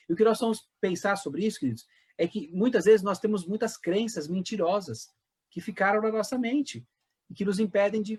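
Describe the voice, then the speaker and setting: A man's voice: high voice, slightly rough. A man from Brazil, a pastor teaching an informal church Bible class in a conversational way, repeating words and asking the class questions.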